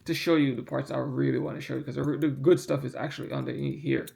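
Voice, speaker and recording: A man's voice: mid-range voice, steady tone, quick pace, creaky, warm tone. A man casually explaining a printer part as he handles it, rambling, repeating himself and stressing key points. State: yawning from medication. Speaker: hobbyist explaining printer repair. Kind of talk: casual hands-on demonstration.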